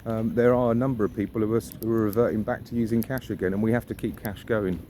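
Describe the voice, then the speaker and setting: This vlogger's voice is dark and on the low side, with fairly even intonation, and he talks fast. He reflects casually and asks rhetorical questions on a riverside walk, with birds and traffic audible.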